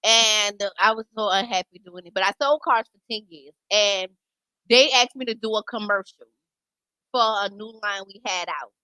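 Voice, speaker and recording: A woman's voice: medium pitch, moderate pace, pushed and bright, no echo, low-quality recording. A woman hosting a radio show, talking in a casual, conversational interview style.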